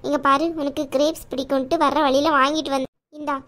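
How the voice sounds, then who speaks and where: A woman's voice: high-pitched, little pitch movement, quick pace, a bit bright. A woman voicing a middle-aged aunt in a cartoon, firm and bossy but affectionate. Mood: firm caring. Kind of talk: cartoon voice acting.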